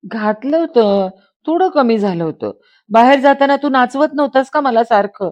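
A woman's voice: high-pitched, lively intonation, normal speed, darkish tone, pitched above the performer's own voice. A woman voicing a hurt young pregnant wife who speaks in a pleading, reproachful way close to tears, in a dramatized story reading.

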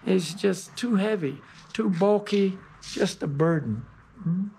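A man with a high-pitched, gravelly voice walks through his mountain gear in a casual demonstration. He talks in a folksy, emphatic way, leaning on "you know" and repeating key words for weight, with a faint hiss of noise behind him. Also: slow, mellow. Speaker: host of a mountain gear show.

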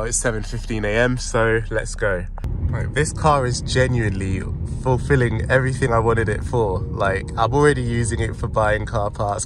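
A man's voice: on the low side, noisy background. A young man chatting upbeat to camera while driving, filmed in his car on a phone, laughing now and then. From England. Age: young adult. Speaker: car vlogger. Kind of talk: casual vlog talk to camera. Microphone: phone camera on dashboard.

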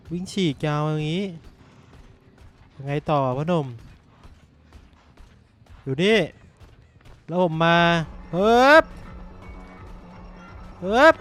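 A young man giving excitable live commentary over his own gameplay, breaking into shouts and grunts. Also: high voice. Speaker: gaming YouTuber.

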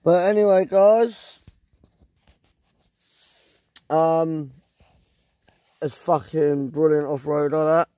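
A middle-aged man with a southern English accent vlogs from inside a small tent in the night-time woods, rambling bluntly with lots of swearing into a handheld phone held close. He speaks in a fairly high, warm, steady voice, drawing out his words and pausing often. No echo is audible.

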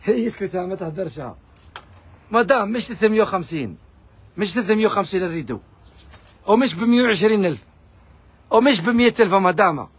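A man with an Algerian accent, pitching fabric discounts in a pushy live sales video. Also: expressive, husky, dry recording. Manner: rapid, pushy hawking to viewers. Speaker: fabric shop seller.

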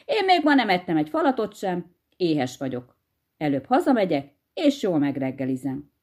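A woman's voice: on the low side, big pitch swings, darkish tone. Woman voicing a crafty old hedgehog farmer. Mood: sly. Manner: easygoing, crafty, bossy to his wife. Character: sly, unhurried old male hedgehog farmer.

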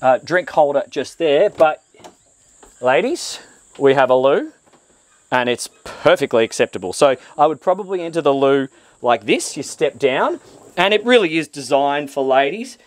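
A man's voice: fairly high pitch, lively intonation, normal speed, no echo. Chatty Australian man on a boat. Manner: enthusiastic, chatty, with frequent fillers and restarts. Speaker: boat reviewer. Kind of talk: walkthrough presentation. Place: outdoors on a boat on a calm waterway. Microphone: lapel mic.

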